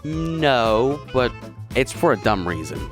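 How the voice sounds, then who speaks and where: A young man chatting casually and jokily while ranking countries, often trailing off quietly at the ends of phrases. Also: medium pitch, very animated, takes it slowly, music in the background. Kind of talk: casual commentary vlog.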